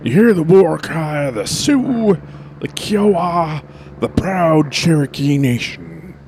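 A scruffy, unhinged man who was fired from his job stammers and rambles with grand self-importance, as a man acts him out. His pitch swoops all over the place. Faint noise runs under the recording. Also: sing-song, measured pace, a little mellow. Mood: rambling. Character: scruffy, erratic, fired middle-aged man.

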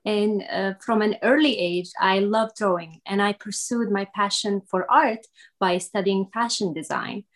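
A middle-aged woman from Syria with a Syrian Arabic accent, speaking earnestly as a podcast guest, often pausing with "uh" and "um". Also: mid-range voice. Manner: earnest, with many "uh" and "um" pauses. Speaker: guest, makeup artist. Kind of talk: podcast interview.

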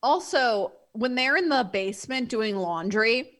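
Animated young woman, higher voice. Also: unhurried. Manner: animated, acts out characters' lines with exaggerated voices. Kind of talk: casual movie discussion.

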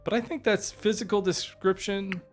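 A man playing a tabletop game, describing his new character in casual, halting chat. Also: sits high, steady tone, soft background music. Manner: halting, searching for words. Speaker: player.

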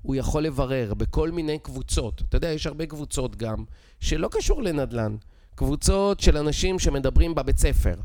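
A man's voice: fairly high pitch, expressive, darkish tone. A middle-aged man with an Israeli accent talks in an informal, explanatory way. He is insistent and teacherly, punctuating his points with short check questions. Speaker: real estate expert guest. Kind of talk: casual explanatory conversation.

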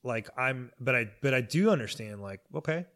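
A man's voice: mid-range voice, animated, moderate pace, a bit bright. A man in casual podcast conversation who talks emphatically, often restarting and cutting in. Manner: emphatic, restarts a lot, interjects. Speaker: podcast host.

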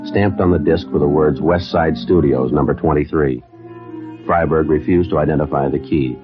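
Methodical detective, extremely low, matter-of-fact, clipped delivery; 1950s radio crime drama, dull vintage sound. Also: male voice, moderate pace, over music. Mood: deadpan. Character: terse, methodical male police detective narrating his case. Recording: muffled vintage radio recording.

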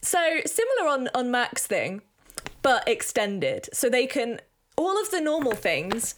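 A woman's voice: a little high, huge pitch swings, a little slow. A woman co-hosting a comedy podcast, laughing and swearing casually. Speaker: podcast co-host.

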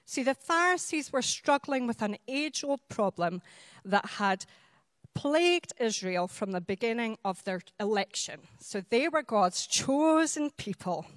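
Woman preacher, Highland Scottish accent, fairly high voice, explanatory delivery, close dry sound. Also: dry recording. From Highlands of Scotland. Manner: explanatory, checks in with listeners using short tag questions. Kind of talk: sermon.

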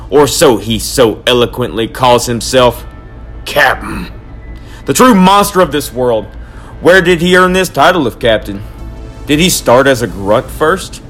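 An actor playing an excitable young man who rants theatrically about his odd grudges. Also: deep voice, natural voice. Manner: dramatic, ranting, overblown. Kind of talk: hobby audio drama.

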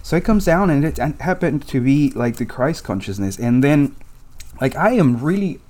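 Podcast guest, man, mid-pitched voice, animated and emotional storyteller, casual, swears freely. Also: normal speed. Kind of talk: casual conversation.

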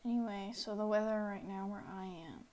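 A young woman from the United States hosting her first casual solo podcast, rambling and self-deprecating, sometimes dropping to a soft near-whisper. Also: mid-range voice, normal speed, rough recording. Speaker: podcast host.

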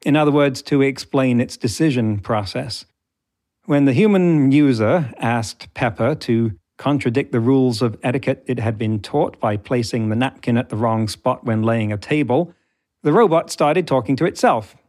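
A man's voice: medium pitch, normal speed, darkish tone. A man hosting a podcast, reading scripted narration with a wry, dry humour. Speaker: podcast host.

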